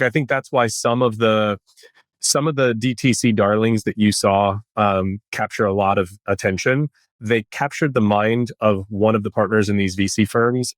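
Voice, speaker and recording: Tech-bro startup founder, lowish dry male voice. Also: dry recording. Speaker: startup founder and entrepreneur being interviewed. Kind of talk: candid casual interview storytelling.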